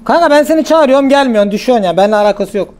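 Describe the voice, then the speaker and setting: A man hosting a gaming channel, giving casual let's-play commentary in an excitable way, often swearing and yelling at the game. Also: very high voice, rapid-fire.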